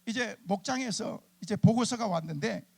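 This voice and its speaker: A middle-aged male pastor preaching at a church revival meeting. His voice sits very high for a man and has a gravelly, creaky grain. He talks in a chatty, animated way and acts out the people in his stories. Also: moderate pace. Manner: chatty and animated, acting out church members' lines. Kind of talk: humorous storytelling sermon.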